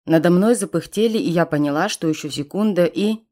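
A woman's voice: fairly low pitch, a little fast, warm tone. A woman narrating a first-person audiobook in a tense, dramatic reading.

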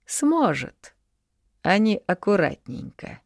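A woman's voice: medium pitch, sing-song, slow pace, gravelly, dry recording, clean studio sound, voice pushed up, heavily acted. A woman voicing a blunt, scolding older man in an audiobook, coarse and commanding. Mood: gruff. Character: older man, gruff and bossy factory owner.

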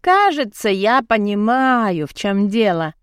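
A woman voicing an indignant young woman with quick, pointed retorts in an audiobook. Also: medium pitch, sing-song, clear, resonant tone, dry recording, clean studio sound.

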